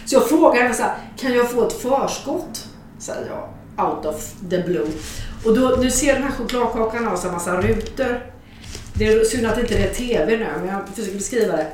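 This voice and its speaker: Frank, lively woman storyteller in a big echo. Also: a little high, slight background noise. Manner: lively, frank, swears casually, acts out dialogue. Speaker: author telling an anecdote. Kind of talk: spoken storytelling to an audience. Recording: very echoey, from a distance.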